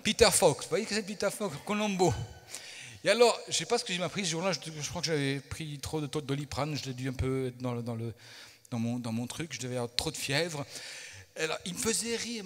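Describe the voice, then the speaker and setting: A man preaching a sermon as pastor, telling stories in an animated way with many restarts. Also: fairly high pitch, fairly quick. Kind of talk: sermon teaching. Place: church hall. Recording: long church hall reverb.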